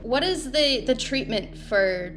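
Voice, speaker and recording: A woman podcast host reading a scripted introduction and asking interview questions in a clear, measured way. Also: high-pitched, expressive, over music.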